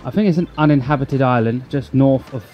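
A man's voice: mid-range voice, fairly quick, dull audio, soft background music. A man, chatting casually and joking on a sailing catamaran. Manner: jokey, laughs easily. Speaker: sailing vlogger. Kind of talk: casual chat. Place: outdoors on a sailing catamaran at sea.

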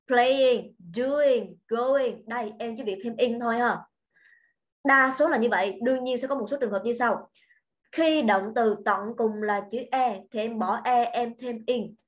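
A woman's voice: fairly high pitch, lo-fi sound. A woman teaching an English grammar lesson online, explaining step by step and often checking that students follow. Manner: patient, repeats points and checks understanding.

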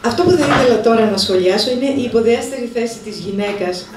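A woman presenting a book club, giving short prompts and questions to the reader. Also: on the high side. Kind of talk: guiding a discussion. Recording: distant roomy sound with clear noise.

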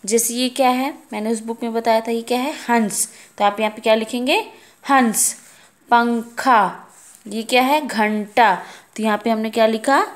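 A woman teacher giving a kindergarten Hindi lesson, patiently sounding out words and asking questions. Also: a little high.

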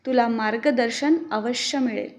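A woman reading the gentle words of a serene saintly male guru in a devotional storybook, speaking slowly and calmly. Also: on the high side, lightly acted.

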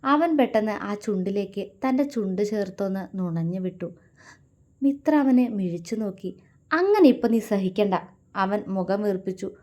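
A woman storyteller narrating a romance story in a soft, even reading voice. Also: medium pitch, moderate pace.

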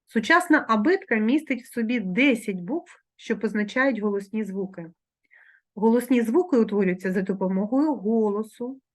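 Woman teacher spelling out sounds slowly. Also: on the high side, expressive. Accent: Ukrainian. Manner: slow, careful pronunciation of sounds and words. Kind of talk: remote lesson for schoolchildren.

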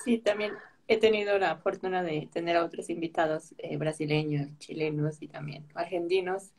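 A woman's voice: lowish voice, steady tone, normal speed, darkish tone. A middle-aged woman, hosting an interview over a video call from home in a friendly, chatty way. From coastal Mexico. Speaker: host. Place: room at home with patterned wall. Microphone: laptop video call.

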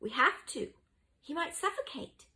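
A woman's voice: low-pitched, lively intonation, moderate pace. A woman reading a storybook aloud, voicing a bold young Roman schoolboy who gives orders. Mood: urgent.

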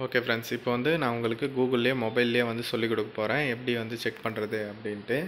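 A fast-talking man with a mid-range, fairly bright voice and little pitch movement, recorded with a slight hiss or hum. In his casual screen-recorded tutorial he chats through each step as the channel host, checking in often with "okay?"

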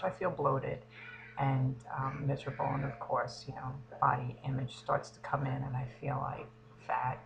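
Gravelly-voiced woman, halting and emotional. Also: very deep voice, background noise. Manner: hesitant, halting, frequent ums. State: emotional, near tears. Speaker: fitness coach. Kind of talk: confessional vlog.

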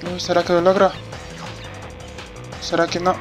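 An excitable young man comments live on his racing game, swearing and shouting as he plays. His voice sits a bit high for a man. Loud game music and engine sounds play behind him. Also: unhurried. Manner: excitable, swears a lot, reacts loudly to the race. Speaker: let's play gamer. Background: racing game music and sound effects.

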